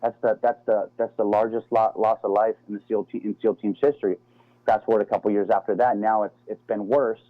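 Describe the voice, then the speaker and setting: A middle-aged American man with a low voice speaks as an interview guest, loose and slangy, tacking "man" and "dude" onto his sentences. His voice comes through a thin, narrow phone line. The sound is dry, with no room around it. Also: fairly even intonation, fairly quick, no echo. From United States. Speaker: interview guest, former Navy SEAL. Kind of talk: casual interview over the phone.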